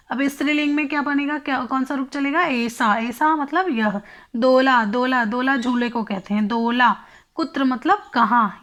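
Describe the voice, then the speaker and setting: High-pitched lady teacher going slow through a sanskrit lesson, says each word twice, lots of hmms. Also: a bit bright. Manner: slow, repeats each word and its meaning, fills pauses with hums. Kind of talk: explaining a textbook lesson.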